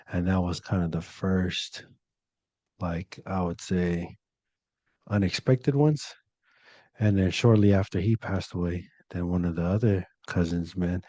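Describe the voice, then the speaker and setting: A young Polynesian man co-hosts a podcast in a casual, slangy and earnest way. His voice is low and mellow. It sounds close and dry, with no room echo. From Polynesian, living in California. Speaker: podcast co-host.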